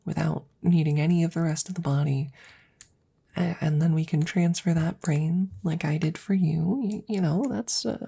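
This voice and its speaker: A woman's low voice, heavily acted, carries an ASMR roleplay in which she's an anxious scientist devoted to the listener. She speaks close to the microphone, soft and breathy, rambling in halting bursts that often turn to whispers.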